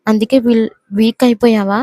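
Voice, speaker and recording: Woman reading a sneering young husband, cruel and mocking, mellow even delivery, dry close sound, storybook narration. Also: a little high, normal speed, dry recording, close to an everyday voice. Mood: menacing scorn.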